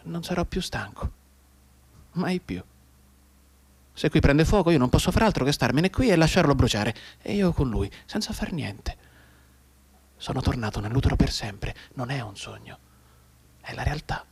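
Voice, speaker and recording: In a radio drama monologue, a man voices a young soldier who is maimed and in despair. His mid-range voice is expressive with a breathy edge, and his brooding, halting lines swing from hushed to agitated.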